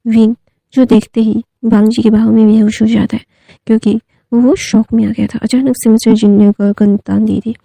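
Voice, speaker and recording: A woman's voice: on the high side, little pitch movement, normal speed, gravelly, dark tone, dry recording, rough recording. A woman narrating a fan fiction story in a casual, conversational way with frequent asides and fillers.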